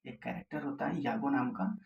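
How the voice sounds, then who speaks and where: A man teaching an exam vocabulary lesson, explaining in Hindi and reading English definitions slowly and deliberately. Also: mid-range voice, steady tone, vocal fry, darkish tone, highs cut off. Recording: roomy echo, faint background noise.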